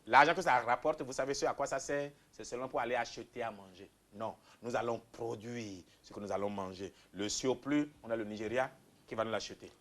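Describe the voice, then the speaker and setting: A man from Benin, answering interview questions as a political candidate in an emphatic way that swings from loud bursts to quiet asides. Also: medium pitch, a little fast. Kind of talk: interview answers, campaign pitch.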